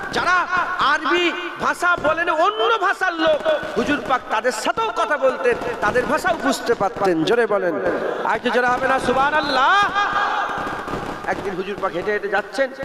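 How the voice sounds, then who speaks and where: A male preacher with a Bengali accent, giving a sermon that calls on the crowd to answer and chants Arabic verses. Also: very high voice. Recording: echoey outdoor sound system with loud background noise.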